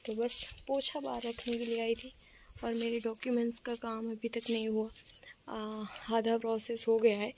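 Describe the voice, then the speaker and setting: Soft, slow young woman vlogging. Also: fairly high pitch, slight background noise. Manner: soft-spoken, slow and subdued. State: tired and sleepy. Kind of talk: casual vlog chat.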